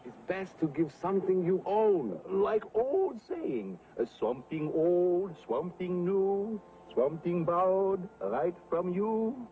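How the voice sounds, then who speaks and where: A pushy older wedding guest from a 1970s TV comedy, talking in clipped broken English, high and sing-song, slow and deliberate, with a tinny phone-like sound. He keeps nudging for a present. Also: expressive, a little hiss or hum, exaggerated voice.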